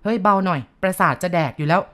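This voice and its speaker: A woman's voice: fairly low pitch, quick pace, fairly bright tone, lightly acted. A woman voicing a blunt middle-aged man who scolds coarsely. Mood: gruff.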